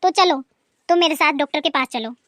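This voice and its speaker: A kind, hardworking sister-in-law in a cartoon, as a woman puts her on, gentle and caring in a high voice. She speaks politely and patiently. The recording is dry and close. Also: a little fast, no room sound.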